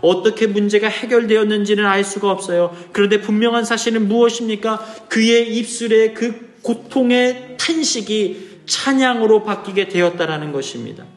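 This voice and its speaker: A man's voice: high-pitched, normal speed, few pauses. A pastor preaching a sermon, asking his congregation rhetorical questions and pleading with feeling as he voices the psalmist. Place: church hall. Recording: echoey church with soft music behind.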